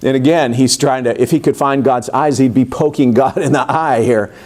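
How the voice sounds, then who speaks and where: A man, a pastor, leads an informal Bible study. He is conversational and halting, with frequent restarts. He keeps putting questions to his listeners. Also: medium pitch, darkish tone.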